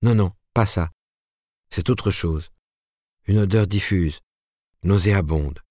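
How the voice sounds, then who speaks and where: A man reading aloud, voicing a gentle young woman who speaks in a soft, coaxing, earnest way. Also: sits low, slow, no echo, clean studio sound, pitched above the performer's own voice. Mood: reproachful.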